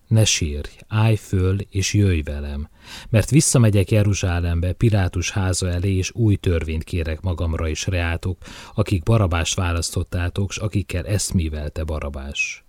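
A man voicing a gentle, merciful male teacher who speaks softly and slowly. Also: sits low, dry recording. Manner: soft, slow, measured speech.

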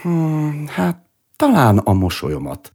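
A man voicing a shy village woman with a sore back, giving soft, hesitant answers in a storybook reading. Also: a little high, wildly swooping pitch, slightly rough, voice pushed up, full character voice.

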